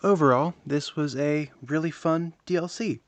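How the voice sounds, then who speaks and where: A man's voice: fairly high pitch, normal speed, soft background music. A man hosting a gaming channel and giving casual gameplay commentary in a wry, offhand way.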